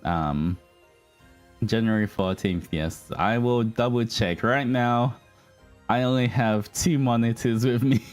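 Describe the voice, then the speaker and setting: This virtual streamer is a man with a medium-pitched voice who takes things slowly. Hosting his livestream over background music, he chats in a casual, rambling way and calls his viewers guys.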